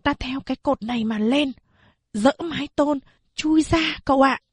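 A woman's voice: high voice, normal speed, no room sound, voice pushed up, lightly acted. A woman voicing a curious, secretive young village boy who speaks in eager, pleading questions.

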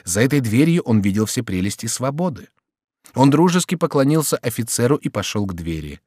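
Expressive male audiobook narrator. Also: medium pitch, brisk, husky, no room sound. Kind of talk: scripted narration. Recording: dry studio booth.

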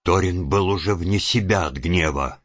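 A man narrates an audiobook in a very low, husky voice. He tells the story in a steady, even manner. The recording is dull and lo-fi, with faint music underneath. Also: normal speed, no room sound. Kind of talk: scripted narration.

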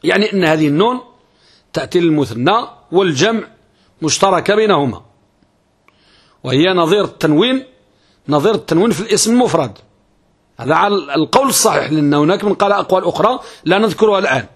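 A man's voice: high-pitched, animated, fast talker, long pauses, breathy edge. A man giving a grammar lecture as a religious teacher, asking rhetorical questions and repeating key phrases. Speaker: Islamic scholar teaching Arabic grammar. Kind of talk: classroom lecture.

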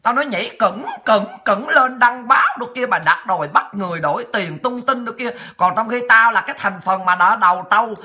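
A woman's voice: fairly high pitch, animated, a little fast, hardly any pauses, pushed and bright. A woman hosting a political livestream, ranting angrily and taunting her critics with profanity. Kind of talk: angry ranting monologue.

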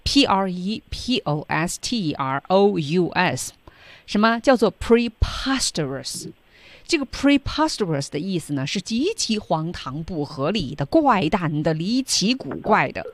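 Lady co-hosting an english lesson on radio, chatty and animated, pretty low voice, dry mic. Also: measured pace, no echo. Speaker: radio host.

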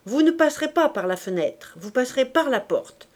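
A woman reading a calm, commanding male police inspector with a firm delivery. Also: sits high, normal speed, voice pushed up.

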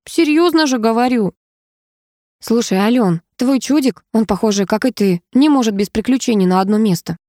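A woman voicing a chatty, teasing young female friend who talks in a quick, mocking, gossipy way. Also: on the high side, warm tone, no echo, studio quality, voice pushed up, natural voice.

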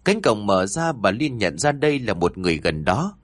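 Lively male horror storyteller. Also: moderate pace, no room sound, studio quality. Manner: voices characters with shifts in pitch. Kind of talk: scripted horror story narration.

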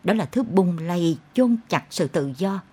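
A woman's voice: fairly low pitch, animated, unhurried, darkish tone, slightly rough. Bitter young woman breaking away, as the narrator voices her. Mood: resolute. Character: weary young woman ending a bad affair.

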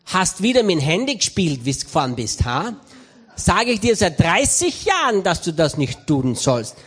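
A man's voice: high-pitched, huge pitch swings, a little slow, slightly rough, full character voice. A man voicing his scolding, reproachful wife in a sermon anecdote. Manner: reproachful, nagging. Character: scolding wife, middle-aged, sharp-tongued.

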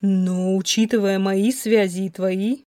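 A woman voicing a cold, contemptuous wealthy young man who drawls slowly and mockingly, recorded dry. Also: mid-range voice, steady tone, darkish tone, dry recording, lightly acted. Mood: coldly dismissive. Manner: slow, mocking, icy drawl.

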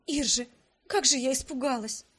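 A woman's voice: sits high, normal speed, a bit bright, husky. A woman voicing an emotional, tearful young noble lady, the heroine's best friend, in an audiobook. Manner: exclaiming, tearful.

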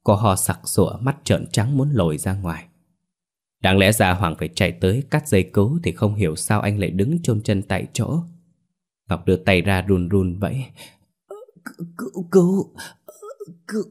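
A man narrating a ghost story in a steady, dramatic way. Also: sits low.

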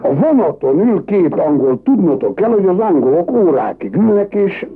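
A man telling bawdy cabaret jokes in a lively, colloquial storyteller manner, heard on a tinny old cassette dub. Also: high voice, background noise. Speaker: joke teller.

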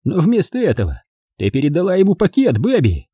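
A cocky young man with a gun sneers and drawls in a raised, mocking voice, as a narrator puts him on. His husky tone jumps across a wide range. The read is dry and close, like a studio audiobook. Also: sits high, huge pitch swings, brisk, dark tone, no echo, dull audio, pitched above the performer's own voice, full character voice. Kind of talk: audiobook character voice.

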